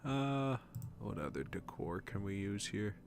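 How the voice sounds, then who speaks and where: A man's voice: fairly low pitch, big pitch swings, unhurried, vocal fry, over music. A man casually commenting as he plays a decorating game on stream, muttering to himself as he places furniture. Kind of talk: casual let's-play commentary.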